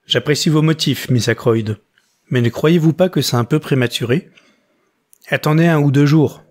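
A man voicing a young male secretary who is jovial but measured. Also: on the high side, darkish tone, natural voice. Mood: reasonable. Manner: cheerful, measured.

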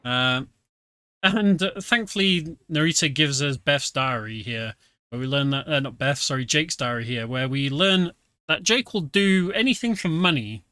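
A British streamer with a fairly high, bright and forceful voice delivers casual let's-play commentary at a moderate pace, chatting and explaining the video game with lots of fillers. The recording is dry, with the game music clearly audible underneath.

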